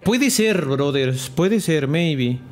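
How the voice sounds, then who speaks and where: Mexican man streaming his game, high animated voice, rattles off repeated words, curses freely, faint game music behind. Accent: Mexican Spanish. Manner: excitable, rapid repetitions, frequent swearing, mixes in English words. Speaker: gamer streamer. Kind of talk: live gameplay commentary.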